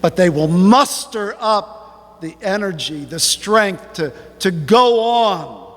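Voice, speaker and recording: A man preaching a sermon as pastor, slow and emphatic, with sudden rises in pitch. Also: lively intonation, a bit bright, long reverb tail. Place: church sanctuary.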